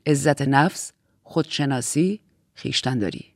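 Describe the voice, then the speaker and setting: A woman voicing a stern, controlled older woman in authority in an audiobook, speaking in a measured, commanding way. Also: extremely low pitch, expressive, creaky, no echo, studio quality, pitched below the performer's own voice, exaggerated voice. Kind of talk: audiobook character voice.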